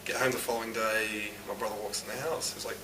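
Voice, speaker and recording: Australian man, rapid storyteller who voices the dialogue; roomy, distant, noisy recording. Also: on the low side. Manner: animated, acts out dialogue. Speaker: interviewee. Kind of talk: personal storytelling.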